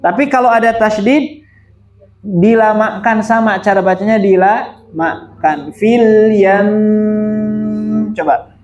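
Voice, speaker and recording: A man's voice: high voice, a little slow, echoey room, muffled recording, soft background music. A man teaching Quran recitation, patiently repeating and demonstrating pronunciations for a student. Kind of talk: one-on-one recitation lesson.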